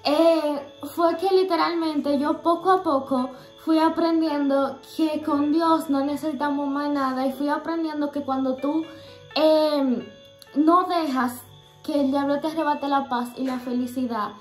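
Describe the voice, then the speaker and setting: High-pitched young woman sharing a faith testimony, earnest and halting, roomy echo. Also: steady tone, soft background music. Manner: earnest, halting, many fillers and restarts.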